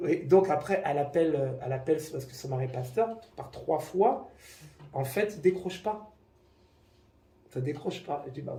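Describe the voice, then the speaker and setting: A man recounts his testimony to a congregation, animated and acting out each exchange. His voice sits a bit high with a mellow, dark tone. He is picked up from a distance in an echoey room with a faint hiss. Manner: animated, acts out dialogue, many fillers. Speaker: church member giving a testimony. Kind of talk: personal testimony storytelling.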